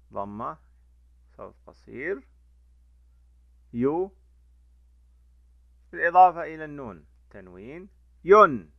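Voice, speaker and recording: A man teaching a letter lesson to children, drawing out each sound slowly and repeating it. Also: fairly high pitch, creaky, dry recording. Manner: lively, repeats sounds slowly for young learners. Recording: dull lo-fi dry recording.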